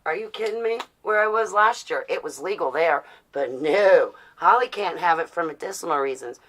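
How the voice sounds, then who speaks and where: Her voice runs on the low side, expressive and a little bright, at a normal speed. The speaker, a New Jersey vlogger in her forties with an American accent, rambles about personal matters in a casual, blunt, defiant manner peppered with rhetorical questions.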